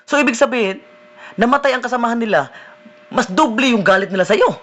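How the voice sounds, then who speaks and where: A man, a deliverance minister preaching a sermon in a conversational way, often checking in with the listeners with a quick "no?". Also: very high-pitched, fairly bright tone. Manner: conversational preaching, mixing in English phrases, frequent "no?" tag questions.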